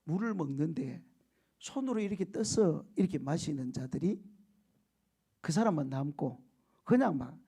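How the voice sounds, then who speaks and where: A male pastor preaching a lively sermon, often asking the congregation questions and acting out the quotes he tells. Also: fairly high pitch, moderate pace, long pauses, husky. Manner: animated storytelling with shouted quotes and laughter; keeps prompting the congregation for answers.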